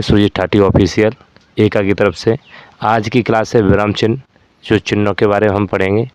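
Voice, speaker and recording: A man's voice: fairly low pitch, a little mellow, smooth, dry recording. A man teaching a Hindi grammar lesson for exam preparation, explaining step by step with repeated examples.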